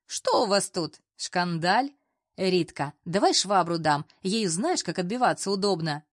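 A woman's voice: on the low side, lively intonation, a little slow, no echo, clean studio sound. A woman voicing an older female cleaner who is cheeky, folksy and mocking. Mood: teasing. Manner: folksy, teasing.

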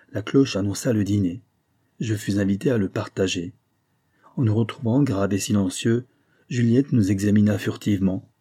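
Brief: male audiobook narrator, measured literary reading, dark husky tone. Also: fairly low pitch. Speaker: audiobook reader.

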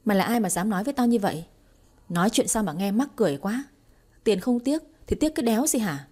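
A woman voicing a harsh, abusive older mother-in-law who scolds in a shrill, rapid-fire way, in an audiobook reading. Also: a little mellow, husky, natural voice. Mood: scolding.

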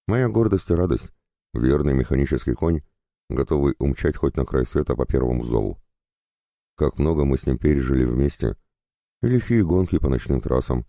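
A man narrates a first-person story in an extremely low voice with a very bright, crisp edge. The delivery is that of a scripted audiobook, recorded close and dry. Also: dry recording.

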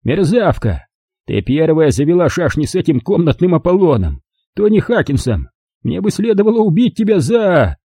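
Sneering mafia boss, sarcastic and arrogant; male reader doing him, raised pitch, husky grain. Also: sing-song, normal speed, dark tone, dry recording, clean studio sound, heavily acted. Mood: furious. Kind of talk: audiobook character voice.

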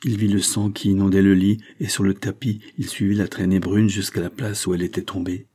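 A man narrating a classic novel as an audiobook, in a measured, dramatic reading. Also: sits low, level tone, mellow, slightly rough.

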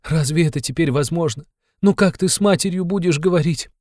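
A man's voice: a little high, a little fast, a little mellow, no room sound, clean studio sound, voice pushed up, close to an everyday voice. A man reading an audiobook, voicing a desperate devout young woman who exclaims and pleads. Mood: anguished.

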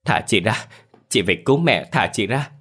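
Grieving grown daughter voiced by a man, high wailing cries, sobbing pleas. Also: big pitch swings, fast talker, fairly bright tone, breathy edge. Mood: frantic pleading. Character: grief-stricken adult daughter wailing for her mother.

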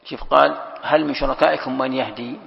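A man's voice: medium pitch, steady tone, fast, vocal fry. A man, a sheikh teaching Quran exegesis to a class, explaining patiently, repeating key phrases and quizzing his students. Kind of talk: classroom lecture. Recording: lo-fi lecture recording with long hall reverb.

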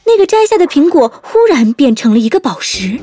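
A woman storyteller narrating a scripted children's story in an expressive way. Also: high-pitched, fairly quick, no echo.

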